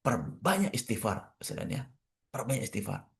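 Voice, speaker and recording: A man giving a morning religious study talk as a preacher, speaking conversationally to his listeners and emphatic and repetitive, with wide swings in pitch. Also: big pitch swings, normal speed, creaky. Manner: conversational, addressing listeners directly. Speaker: Islamic preacher.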